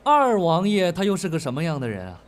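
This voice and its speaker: A man's voice: high-pitched, wildly swooping pitch, quick pace. A man playing a cocky modern young man trapped in an ancient-times game, talking boastfully and smugly in a comedy drama. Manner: boastful, smug.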